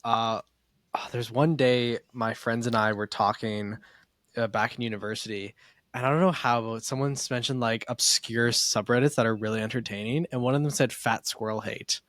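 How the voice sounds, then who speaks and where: A man's voice: medium pitch, steady tone, fairly bright tone, dry recording. Wry, jokey young man co-host. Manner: wry, jokey, quick asides. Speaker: podcast co-host. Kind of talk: casual chat.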